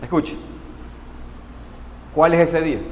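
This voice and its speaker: A man preaching a sermon as pastor. He asks the congregation questions and answers them himself, and he slows down to stress key words. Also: on the high side, fairly even intonation. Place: church sanctuary. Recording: long reverb in a church hall, faint noise.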